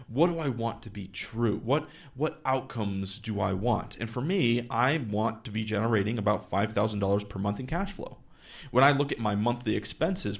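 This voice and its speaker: In a relaxed explainer monologue, a man in his thirties who hosts an investing channel talks with a low, gravelly voice. He thinks out loud, full of fillers and false starts, and voices conversations with clients as quoted dialogue.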